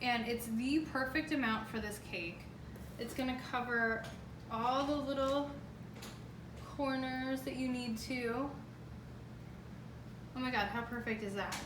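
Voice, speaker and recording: A home baking show host demonstrates home cooking in a kitchen, chatty and emphatic, often exclaiming. She speaks unhurriedly in a voice on the high side and pauses often, while a distant mic captures a roomy sound and clear background noise.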